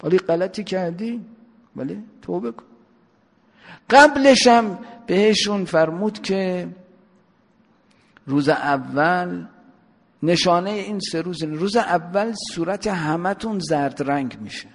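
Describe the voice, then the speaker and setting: A man's voice: sits high, vocal fry. A man preacher giving a sermon, telling a story and asking his listeners rhetorical questions, with a long hall reverb. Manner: rhetorical questions, drawn-out emphasis.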